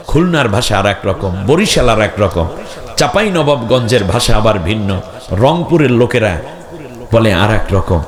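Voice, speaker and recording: A male preacher delivering a sermon at a religious gathering. He tells homely stories and often climbs to shouted calls for the crowd to answer him back. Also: mid-range voice. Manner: storytelling with homely examples. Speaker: Islamic preacher. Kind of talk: Bengali waz sermon with call-and-response.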